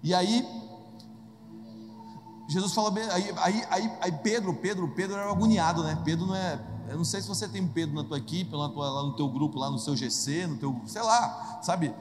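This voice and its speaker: A Brazilian preacher tells the story with jokes and acted voices, his voice pitched notably high for a man. His sermon carries through a church with a long reverb. Soft music plays underneath. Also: moderate pace. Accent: Brazilian Portuguese. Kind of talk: humorous sermon. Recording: echoey hall with soft music.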